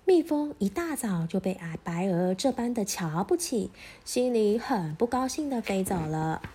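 Lady teacher reading a kids' bedtime story, slow and gentle. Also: medium pitch, big pitch swings, breathy edge. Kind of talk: reading a children's story aloud.

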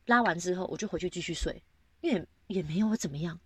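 A woman co-hosting a casual podcast chat, telling a lively story and acting out the quotes. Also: quick pace, breathy edge, dry recording. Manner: lively storytelling, acts out quotes with big pitch jumps. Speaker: podcast co-host.

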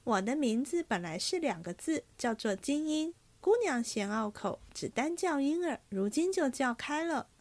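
A woman reading aloud and voicing a lively fifteen-year-old maid who talks in a bright, chatty, teasing way. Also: high voice, moderate pace, hardly any pauses, no echo, voice pushed up. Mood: cheerful.

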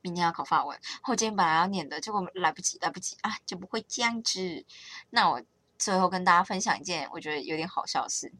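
A woman's voice: on the low side, expressive, quick pace, sharp tone, no room sound. A young woman with a Taiwanese Mandarin accent chatting casually to her viewers, rambling and correcting herself as she talks. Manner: rambling, self-correcting, playful. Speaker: vlogger. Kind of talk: casual chat to camera.

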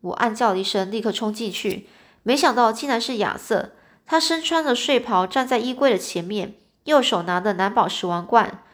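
A woman's voice: a little high, animated, moderate pace. Chatty woman reading a story aloud. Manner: chatty, with fillers and small slips. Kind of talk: reading a storybook aloud in a loose spoken retelling.

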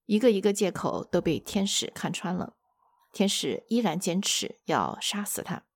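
A woman retells a book chapter in steady storytelling. Her voice is husky with gravelly fry, close and dry to the mic. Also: medium pitch, moderate pace, dry recording. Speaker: book-sharing host.

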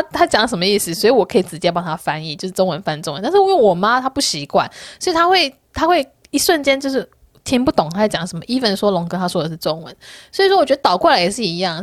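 A woman vlogger chats casually to her viewers, quick and animated, her pitch bouncing all over. She tells candid stories and laughs often. The sound is close and dry. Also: no room sound. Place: Korea.

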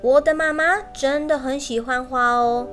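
A woman kindergarten teacher reads a picture book aloud in a gentle, sing-song way. Her voice is high and her pace unhurried. Soft music plays faintly behind her. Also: steady tone. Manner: gentle, sing-song, speaks to children directly. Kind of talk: children's picture-book reading.

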